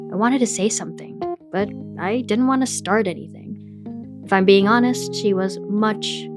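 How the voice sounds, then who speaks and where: A woman hosting a podcast, telling a personal story in candid, scripted narration. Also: medium pitch. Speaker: podcast host.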